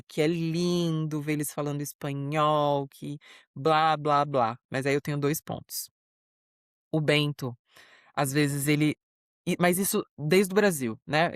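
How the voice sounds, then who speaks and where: A woman's voice: low-pitched, clear, resonant tone, no room sound, studio quality. A Brazilian woman co-hosting a podcast, telling stories in a chatty, proud, easygoing way. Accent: Brazilian Portuguese. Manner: warm, proud storytelling, chatty with many fillers. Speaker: podcast co-host. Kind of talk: casual chat between friends.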